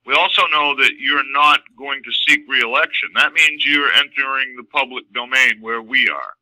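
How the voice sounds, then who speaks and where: A man's voice: medium pitch, normal speed, sharp tone, no echo, low-quality recording. A man activist leaving a stern, confrontational voicemail, formally addressing the listener as sir. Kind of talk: phone message.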